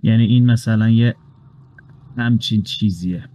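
A man's voice: fairly low pitch, fairly even intonation, mellow. A man running a tabletop game as game master, walking the players through the rules step by step and dropping English game terms into his speech.

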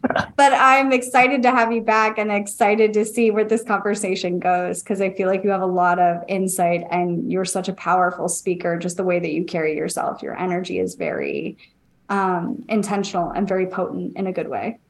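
A woman's voice: lowish voice, steady tone, normal speed. Thoughtful woman podcast co-host. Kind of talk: casual podcast chat.

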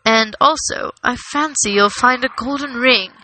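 Old wizard man read by a woman, storybook, calm, measured, wise, high bright voice. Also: a little hiss or hum, poor audio.

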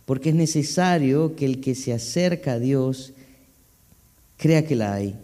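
A man's voice: medium pitch, animated, a little slow, warm tone. A man preaching a sermon as pastor, reading scripture aloud and then explaining it with asides to the congregation. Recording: long reverb of a hall.

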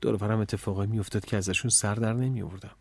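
Calm male storybook narrator, dry sound. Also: fairly low pitch, vocal fry, husky, dry recording. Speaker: audiobook narrator. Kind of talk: first-person story reading.

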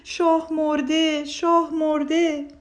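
A woman's voice: fairly high pitch, expressive, darkish tone, lightly acted. A kind, clever old village man from a children's storybook, as a woman narrator puts him on. He talks earnestly and pleads, with a voice that rises and falls a lot. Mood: wailing loudly.

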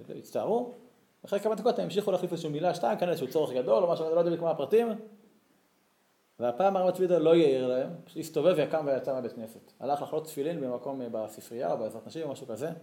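A man's voice: mid-range voice, mellow, reverberant. A man giving a religious Torah lesson, telling stories expressively and rising to emphatic peaks. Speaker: Torah teacher.

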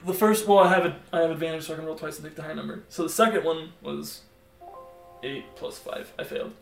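A man plays a tabletop game, crude and excitable, with a slightly high voice. He sounds a little off mic in an echoey room with a faint hiss. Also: fast, creaky, recorded from a distance, faint music behind. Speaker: player. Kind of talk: casual tabletop play.

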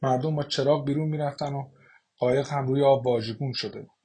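A man reading an audiobook, voicing a shocked young woman defending herself to her mother, in a husky voice. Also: mid-range voice, fairly even intonation, dark tone. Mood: defensive.

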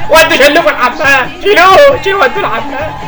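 A man's voice: very high voice, animated, very fast, loud music behind the voice, a loud crowd. An actor playing an exasperated, hot-tempered father with an Egyptian accent, scolding and moaning in a radio comedy.

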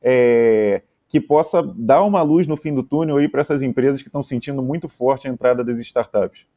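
A man's voice: mid-range voice, normal speed, mellow. A man hosting an interview, asking questions in a friendly, conversational way. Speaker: interviewer, host.

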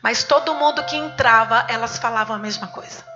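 A high-pitched, middle-aged Brazilian woman delivers a fervent church testimony, acting out voices as she tells her story. The recording sounds muffled, with music playing underneath. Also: fairly quick. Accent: Brazilian Portuguese. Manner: lively storytelling, acting out dialogue, fervent exhortation. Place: church service.

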